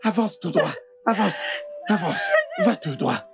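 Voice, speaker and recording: A woman playing a gentle uncle who anxiously soothes and tends a hurt girl, repeating himself. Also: mid-range voice, animated, unhurried. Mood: soothing. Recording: music playing behind.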